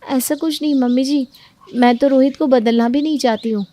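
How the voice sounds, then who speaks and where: A meek young cartoon daughter-in-law speaks softly and apologetically, as a woman acts her out. Her voice is pitched very high and kept gentle. The recording is close and dry. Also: steady tone, normal speed, dry recording, natural voice. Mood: timid. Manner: soft, timid and apologetic. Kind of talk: cartoon story voice acting.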